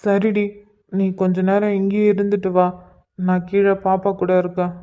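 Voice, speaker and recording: A man voicing a gentle, devoted young husband in a cartoon, coaxing and soothing his crying wife. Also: high voice, level tone, normal speed, phone-quality sound, lightly acted. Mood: soothing, tender.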